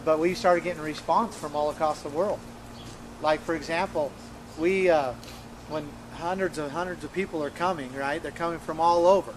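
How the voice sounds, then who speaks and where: A man's voice: on the high side, noisy background. A man telling a long story in an earnest, emphatic way, often repeating and restarting his words as he recounts events. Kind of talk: conversational storytelling.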